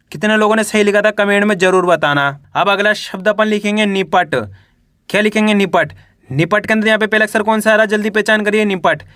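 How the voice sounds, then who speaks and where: High-voiced man teaching Hindi spelling. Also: a bit bright, no echo, studio quality. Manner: spells words syllable by syllable, asks viewers to answer. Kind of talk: Hindi reading lesson.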